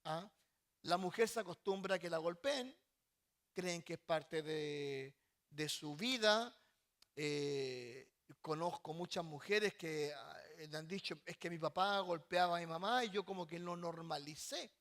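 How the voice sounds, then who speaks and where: A man pastor preaching a sermon, often repeating words and pausing mid-sentence before stressing his points. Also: on the high side, fairly bright tone. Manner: halting, repeats words while searching, then stresses points.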